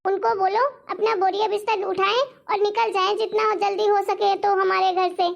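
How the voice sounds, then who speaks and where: A woman voicing a defiant young wife who scolds her husband loudly and rudely, scorning her mother-in-law, in a cartoon story. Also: very high voice, flat delivery, normal speed, gravelly, exaggerated voice. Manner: loud, scolding, rude. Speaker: daughter-in-law.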